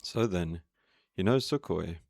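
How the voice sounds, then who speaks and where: A man voicing a terse, mysterious male hunter who talks in a low, muttering way. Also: expressive, measured pace, gravelly, darkish tone, no room sound, studio quality, exaggerated voice. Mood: gruff, curt.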